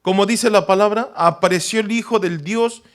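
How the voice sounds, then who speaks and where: Korean-native male pastor preaching a sermon; high-pitched, emphatic, constantly checking in with listeners. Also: normal speed. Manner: emphatic, keeps asking the congregation "right?".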